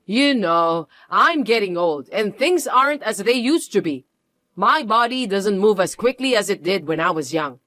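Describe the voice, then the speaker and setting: A reader voicing an older, entitled mother-in-law who is shrill, pushy and indignant in a scripted audio story. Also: expressive, normal speed, a bit bright, no room sound, close to an everyday voice. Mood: indignant, demanding.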